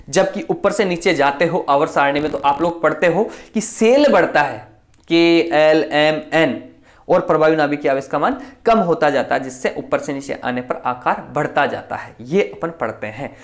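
A man teaching a chemistry lecture online, speaking quickly and explaining step by step, often asking a question and then answering it himself. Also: a little high.

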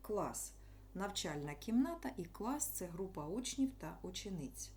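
A woman's voice: medium pitch, big pitch swings, normal speed, a little mellow, slight background noise. A woman teacher explaining a school lesson to children, patient and step by step.

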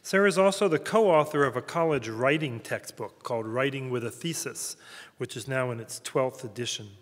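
A man with a Southern American accent giving a formal introduction at a campus lecture, halting often with fillers and restarts. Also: medium pitch. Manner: hesitant, many fillers and restarts. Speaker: host introducing a speaker. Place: university lecture room. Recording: reverberant lecture hall.

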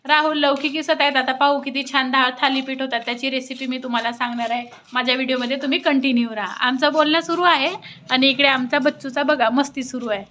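A woman's voice: sits high, fairly even intonation, quick pace, pushed and bright, a little hiss or hum. A young woman vlogging at home on a phone, chatting to viewers and coaxing a toddler in a sing-song way. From Sakoli, Maharashtra. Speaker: family vlogger. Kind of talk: casual home vlog. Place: family home indoors.

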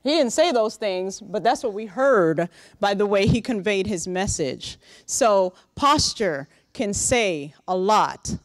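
A middle-aged woman giving a lively, direct motivational talk to young interns in a large conference room, speaking into a handheld microphone. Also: medium pitch, no room sound, studio quality. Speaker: workshop speaker. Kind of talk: motivational professional-development talk.

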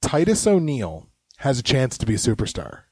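A man's voice: mid-range voice, wildly swooping pitch, moderate pace, a little mellow, slightly rough, dry recording. A man co-hosting a casual wrestling podcast while sick, opinionated and rambling, sometimes dropping to muttered asides. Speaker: podcast co-host.

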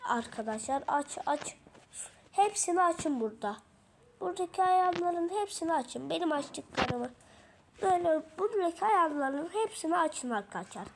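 A woman's voice: very high-pitched, slight background noise. A woman chatting exasperatedly to herself while showing a game on her phone, recorded through the phone's own mic. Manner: exasperated, rambling, talks to herself. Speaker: mobile gamer showing game settings. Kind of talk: casual screen-recorded gameplay chat. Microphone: phone microphone during screen recording.

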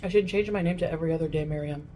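A young adult woman, a mukbang vlogger, talks casually to camera while eating, often chewing and speaking with her mouth full. Her voice sits low, very fast and warm, though the audio is poor. She's in a furnished indoor living room, with the camera at table distance picking up faint room noise in this home recording.

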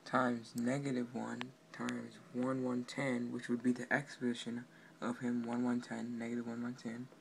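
An amateur game developer sits indoors at his computer, casually walking through his project on screen. His flat, medium-pitched voice moves at a moderate pace with some vocal fry. It was captured by a handheld camera aimed at the monitor, giving a noisy amateur room recording.

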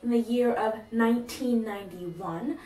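A woman's voice: fairly high pitch, measured pace, reverberant, recorded from a distance, background noise. A young woman in her twenties from South Korea, whose first language is not English, chatting in a bubbly casual vlog about herself and laughing at herself. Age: 20s. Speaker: vlogger. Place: indoors, plain grey wall, small room.

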